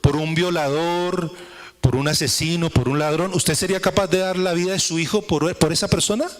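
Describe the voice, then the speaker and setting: A man preaching in a church service with a fairly high voice. He works in an emphatic, repetitive cadence and keeps turning to the congregation with rhetorical questions. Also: steady tone, a little fast. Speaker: pastor. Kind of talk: sermon.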